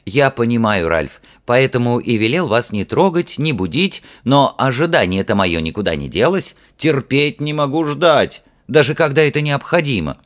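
A man's voice: mid-range voice, sing-song, pitched above the performer's own voice, close to an everyday voice. A man reading an audiobook, voicing a playful, impatient young prince who teases and draws out his words. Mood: teasing. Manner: teasing, laughing, drawn-out emphasis.

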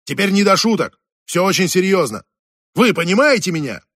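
A man voicing a gruff middle-aged police inspector who talks brusquely and impatiently on the phone in an audiobook. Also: sits high, big pitch swings, fairly quick, fairly bright tone, dry recording, clean studio sound, full character voice. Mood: stern. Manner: brusque, impatient, calls the other fool.

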